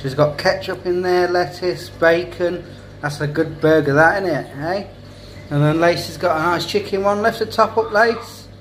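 At a moderate pace, a man with a high, slightly bright voice chats easygoingly about feeding his kids for his vlog. The recording from his small home kitchen and living room is rough, with a little hiss or hum, captured on a phone at arm's length.

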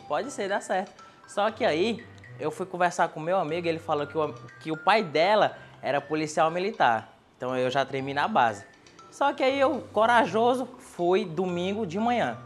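A man tells a stand-up story, building comic tension. His voice sits high, and faint music plays behind him. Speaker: stand-up comedy contestant. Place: TV studio.

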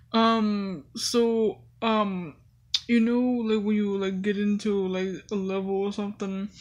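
A young adult woman telling a casual story to camera in a halting, meandering way, as a vlogger. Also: mid-range voice, level tone, a little mellow. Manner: halting, meandering, with frequent throat clearing and pauses. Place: small indoor room at home.

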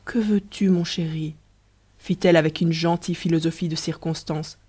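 A reader voicing Riquette, a playful young woman in love, in an audiobook, with a light, eager, mellow voice. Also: mid-range voice, a little fast, close to an everyday voice. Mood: consolante.

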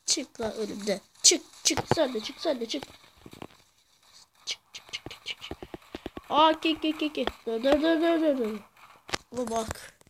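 Woman, high voice, gamer, rowdy cursing commentary, faint background noise. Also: normal speed. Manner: rowdy, cursing, yelling at the game. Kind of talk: gameplay commentary.

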